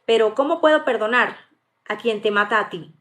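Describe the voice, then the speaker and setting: A woman's voice: fairly high pitch, moderate pace, fairly bright tone, natural voice. A woman reading the part of a feverish, passionate dying young woman in a live audiobook, with stumbles and restarts. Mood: pleading. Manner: read aloud plainly, with stumbles and restarts.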